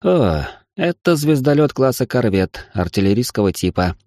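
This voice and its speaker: A man's voice: mid-range voice, very animated, normal speed, darkish tone, dry recording, voice pushed up. A man voicing a polite male negotiator making a persuasive offer in an audiobook reading. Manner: courteous, persuasive.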